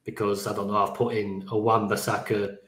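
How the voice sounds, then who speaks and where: A man's voice: lowish voice, little pitch movement, fairly quick, fairly bright tone. A man co-hosting a fantasy football podcast, talking in a casual, joking way. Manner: casual, swears, laughs easily. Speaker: podcast co-host. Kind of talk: casual chat. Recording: roomy echo.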